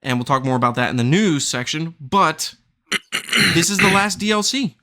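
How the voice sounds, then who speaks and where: Bright-voiced man chatting about games. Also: a little high, animated, normal speed. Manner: rambling, searching for words. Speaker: podcast host. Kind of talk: casual chat.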